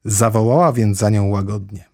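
Husky, dark-voiced male storyteller. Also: lowish voice, steady tone, moderate pace, no echo, clean studio sound. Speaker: audiobook narrator. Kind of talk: storybook narration.

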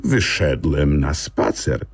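Earnest young male basset puppy played by a man, dignified and touchy, slow husky storybook delivery. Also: sing-song, heavily acted. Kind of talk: audiobook character voice.

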